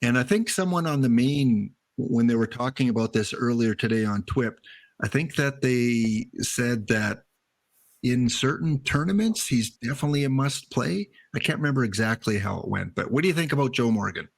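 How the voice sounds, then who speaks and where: A man's voice: mid-range voice, expressive, normal speed, creaky, no room sound. A man with a Canadian accent, chatting casually as the host of a show about a baseball card game.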